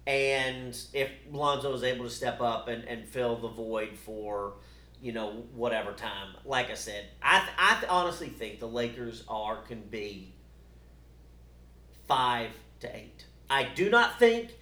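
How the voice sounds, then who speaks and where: A man co-hosting a podcast, arguing about sports in a casual, blunt and profane way that turns animated. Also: mid-range voice, measured pace. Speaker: podcast co-host. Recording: echoey room.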